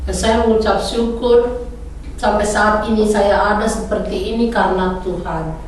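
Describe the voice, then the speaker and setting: A woman's voice: medium pitch, fairly even intonation, normal speed, slight background noise. A woman in her forties from Indonesia, giving an earnest personal testimony and exhortation as a minister to fellow migrants. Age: 40s. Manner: earnest preaching, growing fervent and emphatic. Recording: very echoey room, mic far off.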